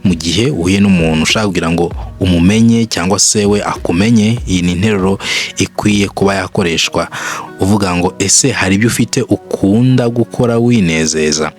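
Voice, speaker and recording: A man teaching English phrases in a bilingual lesson, repeating each example sentence slowly before explaining it. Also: low voice, faint music behind.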